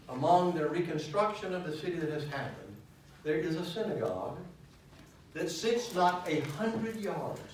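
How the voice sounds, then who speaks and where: A man leading a church Bible study, animated and asking his listeners questions as he teaches. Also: a little high, a little hiss or hum. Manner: animated, asks questions of the class. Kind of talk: teaching sermon. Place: church hall. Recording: echoey hall, mic at a distance.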